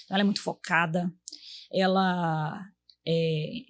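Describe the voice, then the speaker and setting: A woman's voice: lowish voice, steady tone, measured pace. A woman in her thirties with a Brazilian Portuguese accent, a guest in a casual chat, telling stories about her children and acting out what she said to them. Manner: warm storytelling, acts out quotes to her kids.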